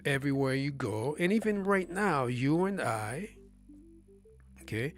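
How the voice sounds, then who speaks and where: Over soft background music, a livestream host holds a casual discussion, speaking emphatically, tossing rhetorical questions at his listener and often restarting phrases. His voice is mid-range with lively intonation and a measured pace.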